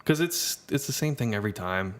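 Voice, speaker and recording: Young podcast co-host, lowish voice, keeps asking the questions. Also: male voice, expressive, a little fast. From Philadelphia. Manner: asks questions, drives the talk. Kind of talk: casual chat.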